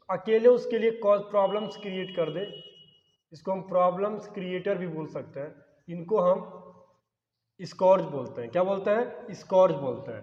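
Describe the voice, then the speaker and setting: A man's voice: high-pitched, a little mellow, long reverb tail, muffled recording. A man teaching vocabulary for a competitive exam in an explanatory classroom style on the terms, repeating key words back as questions. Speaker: English teacher for exam prep.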